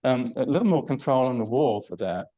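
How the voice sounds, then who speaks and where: A man's voice: mid-range voice, animated, brisk, warm tone, low-quality recording. An older man leading a Pilates class, chatty and hesitant, with many fillers and restarts, and groaning with effort during self-massage. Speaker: Pilates instructor. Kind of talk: live online exercise class.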